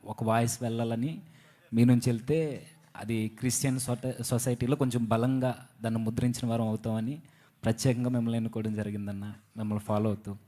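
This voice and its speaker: Fast-talking polite male interviewer. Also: medium pitch, fairly even intonation, mellow. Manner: polite, deferential, rapid. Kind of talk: interview questions.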